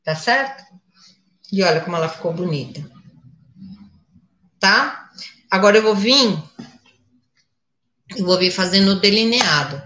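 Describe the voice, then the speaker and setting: A mature woman teaches makeup in a slow, chatty way and keeps checking in with her viewers. Her voice is bright and clear. She is recorded in an echoey room. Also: medium pitch, lively intonation. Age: older. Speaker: makeup instructor. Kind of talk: live makeup tutorial.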